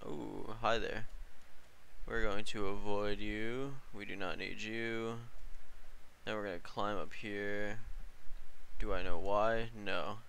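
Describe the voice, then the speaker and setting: A man's voice: on the low side, steady tone, takes it slowly, creaky, long pauses, fairly bright tone, slight background noise. A young man chatting casually as he plays a video game, joking at his own failures and laughing often. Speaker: gaming channel host. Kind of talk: casual gameplay commentary.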